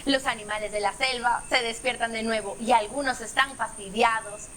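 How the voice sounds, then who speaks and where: A woman storyteller reading a children's bedtime story aloud, animated, with playful sound effects. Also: a little high, normal speed, slight background noise.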